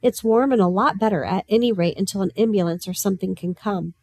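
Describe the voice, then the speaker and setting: A woman's voice: medium pitch, fast, a little mellow, no room sound, studio quality, lightly acted. A woman voicing a friendly, sociable young man in a storybook reading. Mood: eager.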